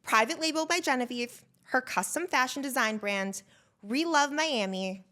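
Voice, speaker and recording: Woman host, fairly high voice, effusive and gushing, lots of fillers; interview podcast. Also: normal speed, sharp tone. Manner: effusive, enthusiastic, many fillers.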